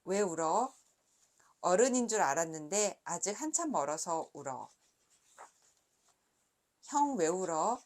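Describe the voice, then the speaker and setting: A woman in her thirties, a picture book author, reading her book aloud gently and then chatting softly about it with light laughs. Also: lowish voice, big pitch swings, takes it slowly, pauses often.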